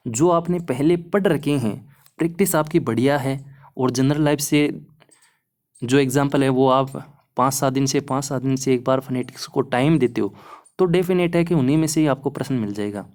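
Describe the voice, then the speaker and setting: A man's voice: mid-range voice, a little mellow. Hindi-speaking man teaching exam phonetics. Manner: encouraging, repeats "है ना" often. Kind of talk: explaining lesson over slides.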